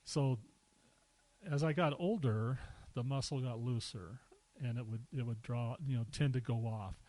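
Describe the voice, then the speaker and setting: A man's voice: medium pitch, measured pace, no room sound, poor audio. A middle-aged man, a podcast guest, casually telling personal stories, acting out quotes and chuckling as he goes. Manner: relaxed anecdotes with chuckles and acted-out quotes. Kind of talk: casual storytelling.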